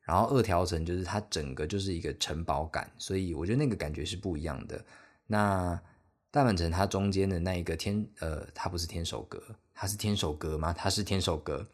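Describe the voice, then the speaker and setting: A man's voice: deep voice, brisk. A young man with a Taiwanese Mandarin accent hosting a solo podcast, telling a travel story in a rambling, self-deprecating, chatty way. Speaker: podcast host.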